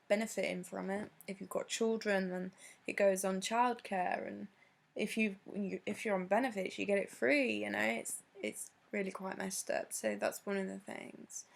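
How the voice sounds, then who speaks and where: Girl vlogging, slow, lots of ums, bit of vocal fry. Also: mid-range voice. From Britain. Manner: hesitant, many ums, laughs between answers. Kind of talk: casual chat answering questions.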